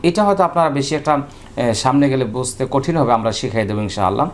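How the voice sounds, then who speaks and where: A man teaching Quran recitation with a Bangladeshi Bengali accent, drilling Arabic letters slowly and repeating each sound with care. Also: medium pitch, expressive. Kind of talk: slow, careful pronunciation lesson.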